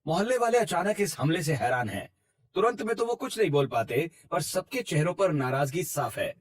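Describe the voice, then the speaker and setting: Man, storybook narrator, husky voice, fairly high, soft music behind. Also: very animated, brisk.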